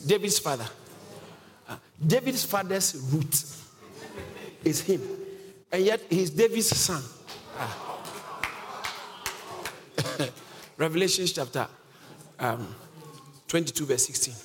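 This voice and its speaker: Emphatic preacher with a higher male voice. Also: lively intonation, slow pace, long pauses. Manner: emphatic, asks the congregation questions, chuckles often. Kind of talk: sermon teaching on scripture. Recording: reverberant hall with faint music.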